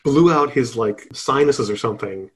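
A man's voice: medium pitch, moderate pace. Dry-witted man on a podcast. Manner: relaxed, dry, wry asides. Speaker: podcast co-host. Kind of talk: casual chat.

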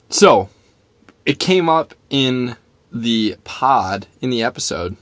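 A man's voice: mid-range voice, animated, very slow, fairly bright tone, no room sound. A young adult man co-hosting a casual podcast chat, joking and teasing his co-host.

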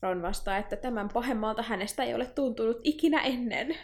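A young woman co-hosting a casual podcast, recapping a book chapter with animated, laughing, exaggerated despair. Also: fairly high pitch. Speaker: podcast co-host.

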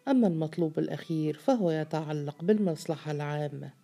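A woman's voice: low-pitched, fast, creaky, mellow. A woman reading a sly, self-assured male governor. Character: confident, sly middle-aged male governor. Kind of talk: audiobook story reading.

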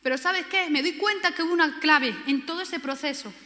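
Impassioned high-voiced woman preaching. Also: fairly quick, sharp tone. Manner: impassioned, acts out quoted voices, repeats words for emphasis. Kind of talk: sermon. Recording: long hall reverb.

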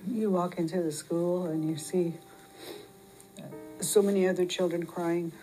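Quiet, reflective woman giving testimony. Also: lowish voice, steady tone, measured pace, soft background music, rough recording. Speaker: residential school survivor. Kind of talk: interview testimony.

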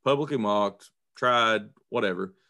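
A man's voice: on the low side, measured pace, gravelly, bright, forceful tone. A man co-hosting a casual faith podcast, earnestly retelling a story with hesitations. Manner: earnest, retells stories with acted quotes. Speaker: podcast co-host.

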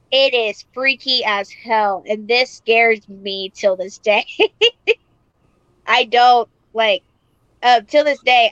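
A woman's voice: mid-range voice, a bit bright, no room sound. A woman in casual podcast chat, rambling with lots of "like" fillers and casual swearing. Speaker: podcast co-host. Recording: dull lo-fi sound.

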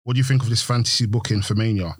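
A man co-hosting a podcast in casual chat, animated and quick to repeat himself. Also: fairly low pitch, husky, no echo, clean studio sound. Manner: animated, laughs often, repeats phrases. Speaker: podcast co-host.

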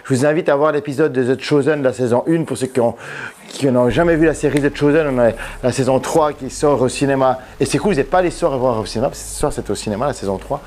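A man's voice: mid-range voice, fast, darkish tone, slight background noise. A man preaching an informal sermon, joking and putting questions to his congregation at a church gathering in a café. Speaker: pastor.

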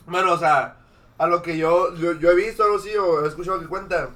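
A man's voice: a little high, fairly even intonation, a little fast, sharp tone. A young man with a Mexican accent, chatting casually in laid-back slang and often agreeing with the others. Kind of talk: casual chat.

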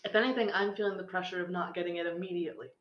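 A woman's voice: on the low side, steady tone, rapid-fire, a bit bright, roomy sound, dull audio, slight background noise. A woman co-hosting a casual podcast, from Canada, making dry, wry remarks. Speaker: podcast co-host. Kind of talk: casual chat.

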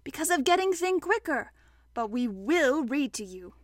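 A woman voicing a kindly, matter-of-fact young boy in a storybook, calm, fond and reassuring. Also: high-pitched, moderate pace, no echo, studio quality. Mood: kindly firm.

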